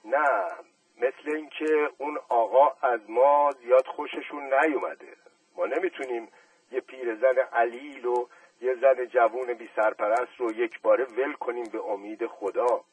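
A man's voice: medium pitch, steady tone, breathy edge, no room sound, distant mic, lightly acted, rough recording. A man voicing a humble male suitor who speaks in a deferential, formal, earnest way, in a storybook reading.

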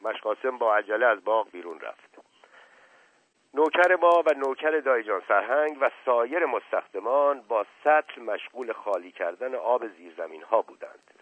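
A man narrates a novel in a measured storytelling manner. The sound is thin and phone-like, and completely dry, like an old radio broadcast. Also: mid-range voice, lively intonation, dry recording. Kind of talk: audiobook reading of a novel. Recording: dry tinny radio recording.

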